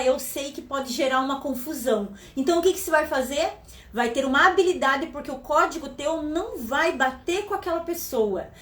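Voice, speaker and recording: A woman hosting a motivational talk for women, speaking fast, loud and very animated. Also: sits high, echoey room. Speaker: host.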